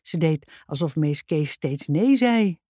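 A woman with a fairly low voice reads a children's storybook aloud at a very slow, unhurried pace. The sound is dry and close, with no room around it. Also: lively intonation, warm tone, breathy edge, dry recording. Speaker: storybook reader. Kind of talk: reading a children's book aloud.

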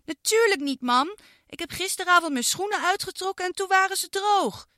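Storybook little girl, cross and fussy, high whiny voice, very dry close sound, read by a woman. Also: lively intonation, moderate pace, bright, forceful tone, no room sound, exaggerated voice. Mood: complaining. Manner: high, complaining child's voice.

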